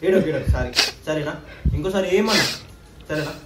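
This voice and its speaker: A man's voice: a little high, animated, fairly quick. A man, acting a son and husband in a village comedy sketch, grumbling and pleading. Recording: echoey room, mic far off, clear noise.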